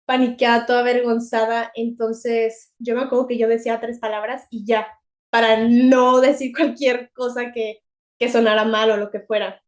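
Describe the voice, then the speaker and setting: A young woman with a Mexican accent, co-hosting a podcast in a chatty, animated way and laughing often. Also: a little high, moderate pace. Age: young adult. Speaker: podcast co-host. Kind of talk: casual chat.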